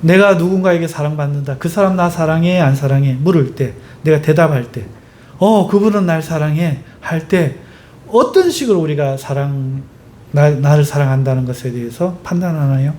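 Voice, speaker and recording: A male pastor preaching a sermon, driving it with lively rhetorical questions and emphatic stress. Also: a little high, normal speed, a little hiss or hum.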